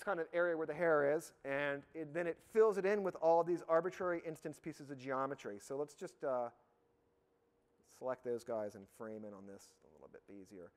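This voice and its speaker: Slightly hoarse man giving a casual demo. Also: a little high, moderate pace. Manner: casual and upbeat, with many fillers and restarts. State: slightly hoarse, losing his voice. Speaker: product expert giving a software demo. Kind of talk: live software demonstration.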